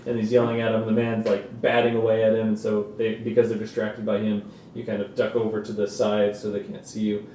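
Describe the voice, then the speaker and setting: Man narrating a tabletop game, halting. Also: on the low side, completely flat delivery, mellow, roomy sound, distant mic, slight background noise. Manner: halting, filler-heavy improvised narration. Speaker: game master.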